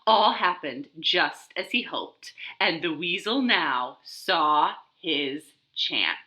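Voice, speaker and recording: A library storytime host with a low, animated voice reads aloud to young children at a slow pace, her tone bright and forceful. She talks simply and expressively from her living room at home, where the recording picks up a roomy echo.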